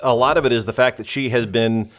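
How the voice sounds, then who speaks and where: A man co-hosting a casual podcast, giving a halting, opinionated take with lots of swearing and ums. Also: mid-range voice, steady tone, a bit bright. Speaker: podcast co-host. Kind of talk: casual chat.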